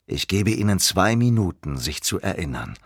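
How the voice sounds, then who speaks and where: A man's voice: sits low, big pitch swings, normal speed, slightly rough, no room sound, clean studio sound, exaggerated voice. A man voicing a sinister one-armed male ex-policeman villain who whines one moment and threatens coldly the next. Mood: menacing. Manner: whining, then cold and menacing.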